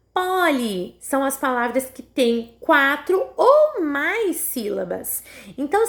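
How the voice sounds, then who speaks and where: A high, lively woman's voice with a Brazilian Portuguese accent, a schoolteacher recording a lesson for young kids. She talks slowly and patiently, drawing out each word syllable by syllable and checking in with her pupils after almost every sentence. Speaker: primary school teacher.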